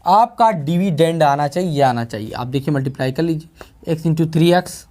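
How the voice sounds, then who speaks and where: A man's voice: fairly high pitch, normal speed, warm tone. A man with a Hindi-speaking North Indian accent teaching a math lecture, who keeps asking and answering his own questions and checking in with the class. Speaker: math tutor.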